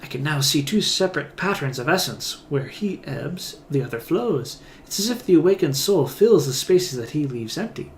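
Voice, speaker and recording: A man's voice: fairly high pitch, expressive, slight background noise. A man doing a fussy woman scholar. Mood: clinical. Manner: brisk, clinical. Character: eager, fussy female scholar studying souls.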